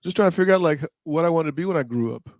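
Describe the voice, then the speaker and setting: A man's voice: fairly high pitch, animated, very fast, a little mellow, no echo, clean studio sound. A man hosting a casual podcast over a video call, teasing his co-host with playful questions.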